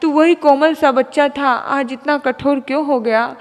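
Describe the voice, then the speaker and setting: A woman's voice: sits high, steady tone, unhurried. A woman voicing a loving, forgiving mother who pleads tenderly with her grown son. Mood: tender pleading. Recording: long hall reverb.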